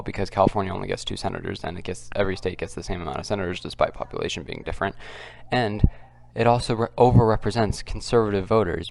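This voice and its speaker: A man hosting a casual, unscripted commentary video, keeping his voice quiet and subdued and talking in a halting, repetitive way. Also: on the low side, gravelly. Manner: kept quiet, subdued because others are nearby. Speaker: political commentary video host. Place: at home, others nearby.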